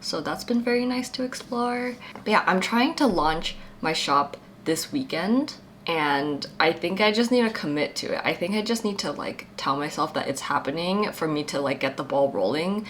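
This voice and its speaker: A young woman in her twenties chatting casually in a vlog voice-over, still husky with her morning voice, upbeat and full of fillers. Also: fairly low pitch, animated, normal speed, few pauses, fairly bright tone, a little hiss or hum. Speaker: vlogger and small shop owner.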